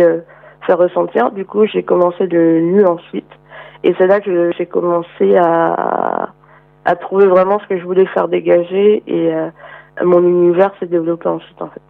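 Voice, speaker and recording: A woman guest on a radio show who talks about her photography work in a relaxed way, full of fillers. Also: on the low side, gravelly, dry recording, phone-quality sound. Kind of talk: casual radio interview.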